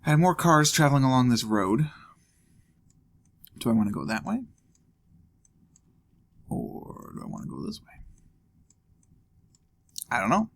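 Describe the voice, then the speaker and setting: A let's play host works through a geography guessing game, thinking aloud with a mix of musing and jokes. His fairly high voice is sing-song and creaky, and he keeps a measured pace broken by long pauses.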